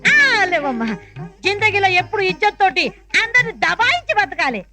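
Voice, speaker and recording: A fussy, doting old grandmother in a film, giving singsong blessings. Her voice is fairly high, and music plays clearly behind her. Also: big pitch swings, moderate pace. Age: older. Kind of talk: film comedy dialogue.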